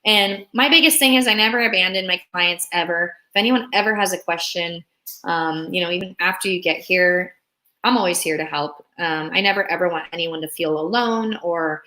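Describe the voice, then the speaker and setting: A woman's voice: fairly low pitch, normal speed, sharp tone. A young woman, born in Russia, chatting upbeat with viewers on a live stream as a relocation consultant. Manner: upbeat, chatty, reads viewer comments aloud.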